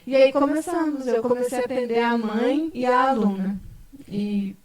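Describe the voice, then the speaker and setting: A woman's voice: on the high side, normal speed, a little mellow. A woman special education teacher telling a story on a panel talk, with many fillers. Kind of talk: panel talk show answer. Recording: echoey room, far from mic.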